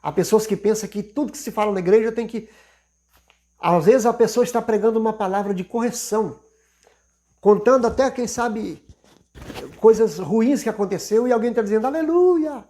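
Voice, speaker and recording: High-voiced middle-aged man teaching scripture. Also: normal speed. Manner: conversational, many restarts, mimics shouting worshippers. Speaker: Bible teacher. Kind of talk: Sunday school lesson.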